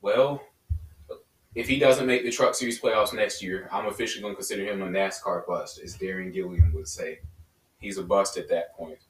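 A man co-hosting a casual motorsport podcast, giving relaxed, matter-of-fact opinions. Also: low-pitched, moderate pace. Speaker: podcast co-host. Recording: roomy, distant mic.

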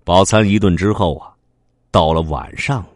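Deep-voiced guy reading a kids story, super expressive, dry close sound. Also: no room sound. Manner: animated, sing-song with drawn-out particles. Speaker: children's storyteller. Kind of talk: storytelling for children.

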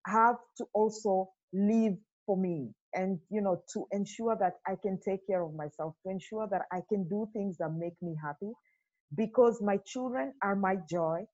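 A woman's voice: mid-range voice, darkish tone, lo-fi sound. A woman in her forties from Kenya, a podcast guest talking earnestly and reflectively, with many fillers. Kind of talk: casual interview.

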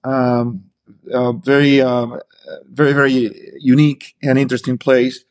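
A middle-aged Argentine man answers questions as a podcast guest in a casual interview. His medium-pitched voice is level and clean, a little slow, and his hesitant replies are full of fillers and restarts.

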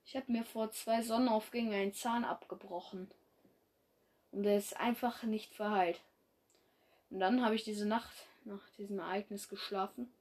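A woman's voice: mid-range voice, steady tone, moderate pace, a little mellow. A young woman reading her own fan story aloud in a casual way, with slips and restarts as she goes.

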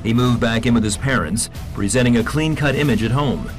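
A man reading scripted documentary narration in a measured, even way. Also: medium pitch, faint music behind.

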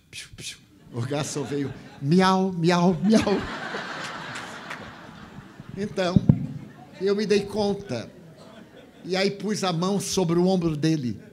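A man's voice: medium pitch, darkish tone, slightly rough. Older man telling a moving story. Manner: emotional storytelling, mimics sounds and voices. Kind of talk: storytelling talk.

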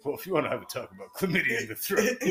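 A man co-hosting a casual podcast, swearing and laughing, swinging from loud bursts to low mutters. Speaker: podcast co-host.

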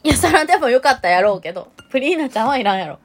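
A young woman with a Kansai accent trades teasing remarks on a podcast. Her pitch moves around a lot as she reacts, and her voice sits slightly high. She keeps up a steady stream of little agreeing sounds. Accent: Kansai Japanese. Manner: teasing, quick retorts and frequent backchannel nods. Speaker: podcast co-host. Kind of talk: casual chat.

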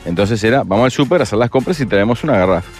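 A man's voice: on the low side, animated, faint music behind. A man with a Uruguayan accent, co-hosting a radio show and telling anecdotes in a casual chat among friends. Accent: Uruguayan Spanish. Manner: fast, storytelling.

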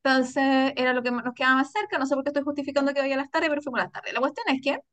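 A Chilean woman telling a story on a casual podcast chat, animated and slangy, laughing often. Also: high-pitched, racing. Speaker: podcast co-host.

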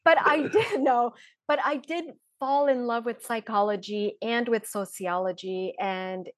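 A woman in her forties from Poland, a breathwork and mindset mentor, talks openly and reflectively as a podcast guest in casual interview talk, using frequent fillers. Her voice is on the high side and measured in pace, at studio quality with no echo.

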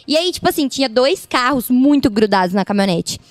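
Animated high-voiced Brazilian woman. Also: fairly quick, no room sound. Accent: Brazilian Portuguese. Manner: animated, indignant storytelling. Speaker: podcast guest. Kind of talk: casual chat.

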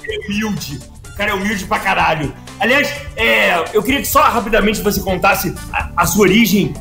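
A man's voice: sits high, fairly quick, vocal fry, pushed and bright, soft background music. A man hosting an interview, asking informal, slangy questions and rephrasing them several times. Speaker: interview host.

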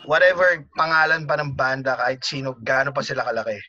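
A man's voice: medium pitch, a little fast, bright, forceful tone, no room sound. A man in a casual group chat about the music scene, talking bluntly with frequent swearing and tag questions. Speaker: band member, podcast guest. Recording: muffled lo-fi audio with clear background noise.

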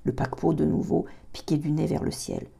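Gravelly low-voiced woman reading aloud. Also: lively intonation. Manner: slow, dramatic, drops to a breathy hush in tense passages; stumbles and corrects herself mid-sentence. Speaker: reader of a novel.

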